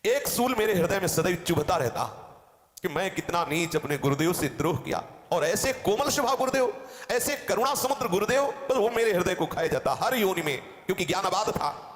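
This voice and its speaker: A man's voice: sits high, expressive, normal speed. Man giving a devotional talk in an echoey hall. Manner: storytelling in first person of a sage, quoting verses. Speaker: spiritual teacher. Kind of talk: devotional discourse. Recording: roomy hall with long reverb.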